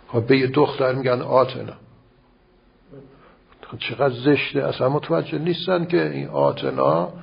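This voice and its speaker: An older male cleric preaches in a heavily gravelly, rough and husky voice, talking to his listeners in a relaxed, storytelling manner and repeating phrases for emphasis. The recording sounds somewhat dull and lo-fi. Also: medium pitch. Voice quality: gravelly and raspy. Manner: conversational preaching with anecdotes and repetition. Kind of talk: sermon.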